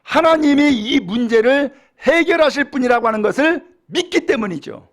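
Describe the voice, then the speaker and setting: A middle-aged man, a pastor, delivering a sermon with animated preaching that acts out quoted speech. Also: very high voice, normal speed.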